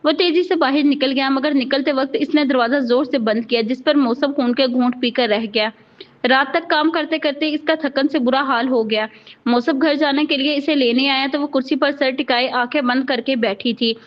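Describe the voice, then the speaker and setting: Woman reading a love story novel aloud, steady narration, high voice, kinda muffled audio. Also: moderate pace. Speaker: novel reader. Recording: dull lo-fi recording.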